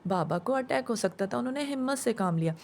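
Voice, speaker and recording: Woman storyteller, fairly high voice, gravelly fry, casual emotional first-person retelling, faint background hiss. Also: expressive, darkish tone. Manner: emotional, conversational retelling with frequent repetitions.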